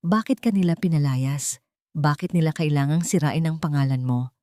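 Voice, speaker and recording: A woman's voice: sits low, moderate pace, warm tone, no room sound, clean studio sound, natural voice. A woman voicing a sympathetic, direct young friend. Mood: concerned.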